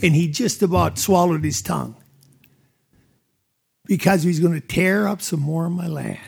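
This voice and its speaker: Middle-aged rancher guy from north dakota, fairly high voice, earnest and choked up testifying. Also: normal speed, gravelly, slightly rough. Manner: emotional, earnest, plain-spoken. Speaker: landowner testifying at a hearing. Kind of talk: public testimony.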